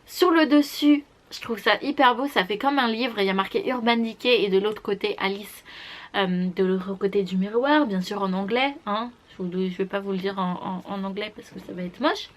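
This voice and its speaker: A woman's voice: medium pitch, moderate pace. A woman presenting a makeup palette to the camera in casual, gushing talk, full of restarts and fillers. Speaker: beauty vlogger. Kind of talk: casual makeup product review.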